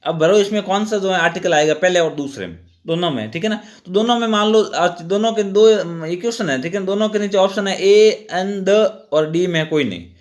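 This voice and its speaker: A high-pitched man walks students through an exam-prep lesson. He explains step by step, keeps quizzing the class and often stops to correct himself mid-sentence. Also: expressive, fairly quick, few pauses. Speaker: teacher.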